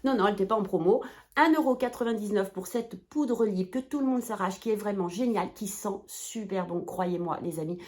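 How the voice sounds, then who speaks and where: A woman's voice: medium pitch, fairly quick. Bubbly, rambling woman vlogger. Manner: bubbly, rambling, excitable with playful exclamations; talks straight to viewers, chatty and informal. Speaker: shopping haul vlogger. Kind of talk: casual haul video chat.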